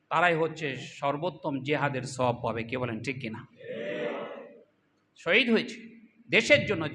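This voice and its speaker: A man giving a fiery political sermon to a crowd, asking rhetorical questions and swinging between loud cries and low asides. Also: slight background noise. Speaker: Islamic political speaker.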